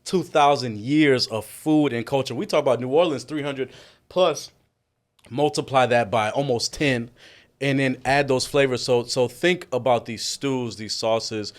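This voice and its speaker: A young man who owns a restaurant, talking as a guest in an energetic, enthusiastic way. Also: mid-range voice. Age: young adult. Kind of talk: casual interview chat.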